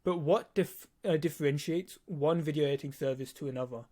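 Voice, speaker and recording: This is a mellow, higher-than-average male voice moving at a fairly quick clip. The speaker, a nineteen-year-old video editor with a lisp, explains things on his own channel in a blunt, informal way, cursing freely and hammering points home through repetition.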